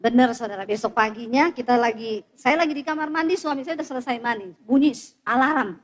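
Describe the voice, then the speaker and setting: High-voiced woman pastor preaching. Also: fairly quick. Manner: lively storytelling with congregation prompts. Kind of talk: sermon.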